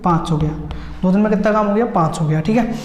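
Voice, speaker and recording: A man's voice: sits high, fast talker, darkish tone. A man teaching an exam-prep maths lesson, explaining step by step and repeating key points while checking in with his students. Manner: repetitive step-by-step explaining, frequent check-ins. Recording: echoey room with long reverb.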